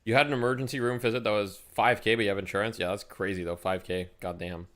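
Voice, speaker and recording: Laid-back streamer, low voice. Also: male voice, level tone, fast, a bit bright. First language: French. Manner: laid-back and chatty, with many fillers and restarts. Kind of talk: casual live-stream chat, reading and answering viewer questions. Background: faint music.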